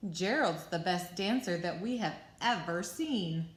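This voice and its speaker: A woman voicing storybook jungle animals who call out loudly in drawn-out exclamations. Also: fairly low pitch, expressive. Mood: amazed, pleading. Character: mocking, later amazed crowd of jungle animals. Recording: roomy, echoey sound.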